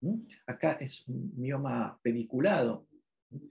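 A man's voice: mid-range voice, animated, unhurried, vocal fry, a little mellow, highs cut off. A man from Argentina giving a medical ultrasound lecture, explaining step by step with frequent checking questions and self-corrections.

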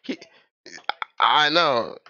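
A man's voice: a little high, big pitch swings, very slow, pushed and bright, lo-fi sound, slight background noise. A young man chatting casually with friends during a game stream, rambling with lots of filler and calling them bro. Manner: rambling, filler-heavy, says "bro" and "like" a lot. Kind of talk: casual gaming chat.

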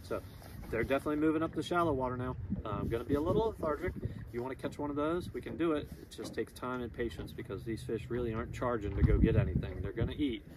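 Out on a lagoon in a small boat, a fast-talking Florida fishing guide with a mid-range male voice delivers his monthly fishing report to the camera. His manner is easygoing, upbeat and chatty, full of "um"s, while heavy wind and water noise spill onto the outdoor microphone.

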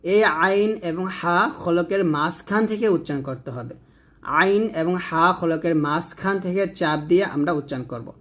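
A man, teaching Quran reading slowly, drawing out each letter name and then explaining how it is said. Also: on the high side, a bit bright. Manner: drawn-out letter names, then plain explaining. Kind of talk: slow step-by-step recitation lesson.

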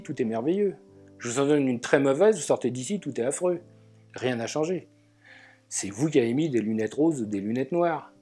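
Man, mid-pitched, unhurried spoken reflection with anecdotes and fillers; faint guitar bed. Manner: lively storytelling, with pauses and filler words. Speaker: alchemy speaker. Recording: faint guitar music behind.

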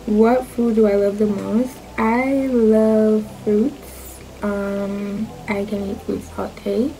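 A woman's voice: medium pitch, level tone, slow, warm tone, soft background music, rough recording. A young woman with a Jamaican accent chatting casually and playfully to camera, using slang as she answers questions about herself. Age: young adult.

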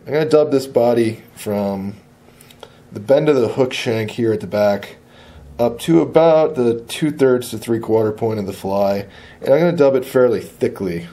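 Guy showing how to tie a fly, plain easygoing talk with lots of uhs, dark mellow tone. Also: mid-range voice, moderate pace. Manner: relaxed, plain-spoken, with frequent uh fillers. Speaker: fly tier at a fly shop. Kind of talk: instructional tying demonstration. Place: tying bench indoors.

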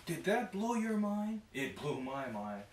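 A man's voice: high voice, big pitch swings, unhurried. A middle-aged man delivers a hard sell ad with emphatic, repetitive salesmanship. He is recorded from across an echoey office, with faint noise behind him. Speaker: infomercial pitchman. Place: small wood-panelled office. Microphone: camera across the room. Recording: distant roomy camera sound, faint noise.

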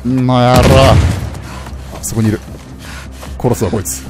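A man commenting on a game he plays, swinging from low mutters to startled yelps. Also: fairly even intonation, unhurried. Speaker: game streamer. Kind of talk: excited let's-play commentary. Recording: game music loud behind voice. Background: game sounds and music.

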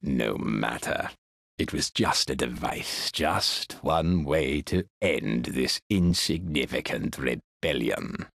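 A cruel old galactic emperor, a video game villain with a deep, gravelly croak. He draws his words out very slowly, imperious and gloating. The delivery is theatrical and full of menace. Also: animated, fairly bright tone, no echo, heavily acted. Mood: cold, scheming. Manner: slow, theatrical, menacing drawl.

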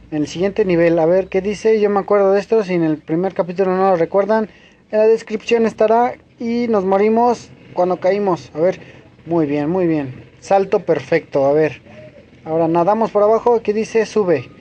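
A man's voice: high-pitched, dark tone. A man giving let's play commentary, repeating short phrases and growing easily frustrated. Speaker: gamer. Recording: dull lo-fi mic.

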